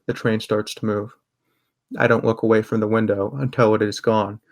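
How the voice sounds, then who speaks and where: A young man voices a guarded, sardonic teen narrating a grim audio drama, his performance only lightly acted. He speaks low and very evenly, in a subdued first-person storytelling style, and the atmosphere feels tense and subdued.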